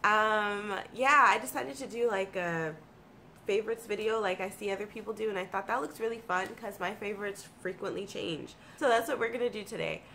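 An American streamer and video blogger in her thirties chats to camera in a small home room with a computer desk, recording a casual favorites vlog. Her mid-range voice is bright and forceful, a little fast, and congested and slightly froggy from allergies. She's informal, enthusiastic and self-deprecating, with clear room noise behind her.

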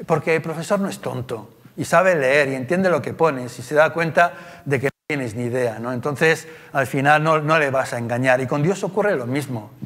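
A man's voice: mid-range voice, moderate pace, few pauses, fairly bright tone. A male preacher with a Spain Spanish accent, giving a conversational sermon full of rhetorical tag questions. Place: church. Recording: long church reverb.

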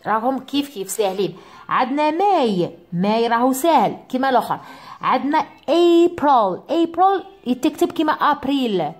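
In a classroom lesson, an English teacher with an Algerian Arabic accent draws out each word and repeats it for her pupils. Her fairly high voice swings widely in pitch, and she now and then moves away from the mic.

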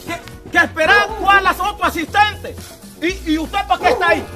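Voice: very high voice, fairly even intonation, normal speed, over loud music. A performer playing a stubborn, hot-tempered older uncle in a comedy sketch, insisting over and over that he wants out. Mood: insistent. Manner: stubborn, insistent, raises voice in bursts.

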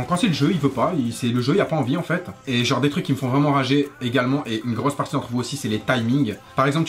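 Fast-talking young Frenchman, heavy street slang. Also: medium pitch, a bit bright. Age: 20s. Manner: French street slang, swearing, familiar address. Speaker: gaming YouTuber and streamer. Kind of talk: casual rant to camera over gameplay. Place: small bedroom, indoors. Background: faint music.

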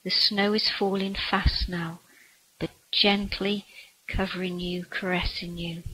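A woman leads a guided relaxation meditation in a soft, breathy voice that sometimes sinks to a whisper. She speaks very slowly, with a bright tone set a little low. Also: level tone, poor audio.

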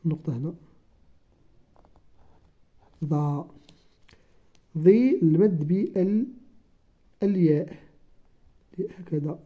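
A teacher with a Moroccan accent giving a first-grade Arabic writing lesson, slowly sounding out letters and syllables one by one. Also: medium pitch, breathy edge. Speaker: primary school teacher. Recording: dull lo-fi recording.

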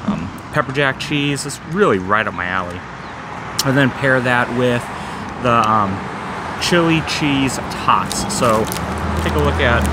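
Male food vlogger, mid-pitch, chatty and halting with fillers, loud diner noise behind. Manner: thinks aloud with many ums and uhs. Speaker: restaurant reviewer. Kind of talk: casual food review vlog.

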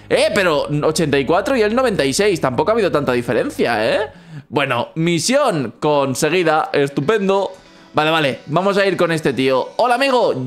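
Brief: playful young man, excited game commentary, repeats words in bursts. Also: fairly high pitch. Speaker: gaming youtuber.

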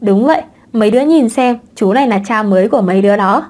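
A woman's voice: fairly high pitch, expressive, quick pace, darkish tone, natural voice. A woman voicing a brazen, cheeky young divorced mother in an audiobook romance. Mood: sweet.

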